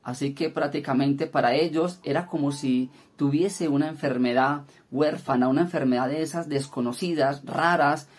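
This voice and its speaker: A man's voice: fairly high pitch, moderate pace, hardly any pauses. Earnest man telling a prayer testimony. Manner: earnest storytelling, hesitant "eh" fillers. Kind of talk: spoken testimony teaching.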